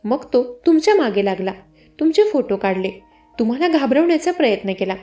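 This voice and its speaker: A woman voicing a male police inspector who calmly explains the facts of a case. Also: extremely high pitch, fairly quick, soft background music. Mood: explaining. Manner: matter-of-fact, explaining.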